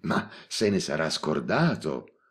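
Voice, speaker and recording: A man reading an audiobook voices a middle-aged police inspector who asks short, slow, guarded questions. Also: very deep voice, sing-song, fairly bright tone, full character voice. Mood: wary.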